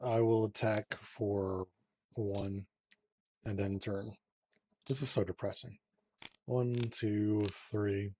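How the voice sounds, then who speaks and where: A man's voice: lowish voice, little pitch movement, slow, pauses often. A man casually talking himself through a solo card game, counting cards under his breath and swearing freely. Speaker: solo card game player and channel host. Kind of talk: casual tabletop card game playthrough commentary.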